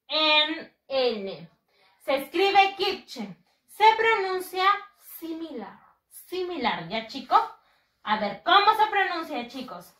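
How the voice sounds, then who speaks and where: A woman teaching English to young children, drilling words slowly in a sing-song way with lots of praise. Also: very high voice, sharp tone, echoey room, far from the mic, poor audio. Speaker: primary school English teacher. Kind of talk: bilingual lesson for young children.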